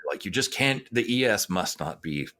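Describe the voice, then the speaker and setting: Deep-voiced man with a lively delivery. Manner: quick laughs and short agreeing replies. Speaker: podcast co-host. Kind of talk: casual podcast chat.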